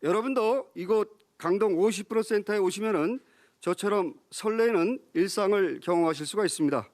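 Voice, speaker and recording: A man's voice: sits high, fairly quick. A man in his fifties formally introducing a lecture as the event host. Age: 50s. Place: lecture venue with seated audience.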